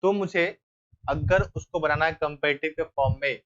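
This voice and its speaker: Young guy teaching grammar to a class, slightly high voice, keeps asking "right?", muffled lo-fi audio. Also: normal speed, a bit bright. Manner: explains step by step, asks rhetorical checks. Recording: dull lo-fi recording.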